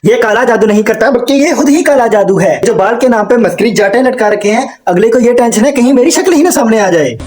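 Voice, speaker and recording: A man's voice: very high-pitched, lively intonation, a little fast, hardly any pauses, a little mellow. Male roast commentator; crude, mocking comic voice-over, light noise behind.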